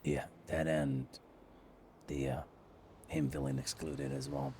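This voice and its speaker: A man's voice: extremely low pitch, big pitch swings, takes it slowly, creaky, darkish tone, a little hiss or hum. A man in a casual in-character roleplay conversation, asking questions and chatting along. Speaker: roleplay player.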